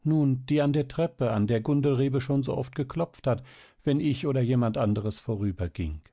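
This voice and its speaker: A man's voice: medium pitch, moderate pace, mellow, dry recording, pitched above the performer's own voice, close to an everyday voice. A man voicing a frail, shy little sick girl in a storybook, pleading and earnest. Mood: insistent. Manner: eager, pleading.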